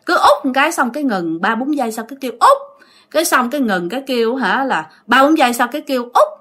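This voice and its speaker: A woman with a Southern Vietnamese accent tells a ghost story chattily, speaking straight to her listeners. Her voice is a little high, expressive, quick, fairly bright and slightly rough.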